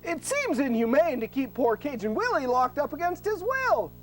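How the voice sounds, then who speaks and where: A woman's voice: high-pitched, big pitch swings, moderate pace, slight background noise. A woman playing a naive, scatterbrained but good-hearted male hero in a comedy audio drama, dopey and earnest.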